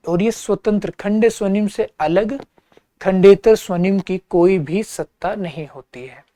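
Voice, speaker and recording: Male teacher doing a prep class, slow and patient, keeps repeating terms, dry close mic. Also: high-pitched, mellow, no echo. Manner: patient, repeats key terms and checks in with listeners. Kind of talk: exam-prep lecture.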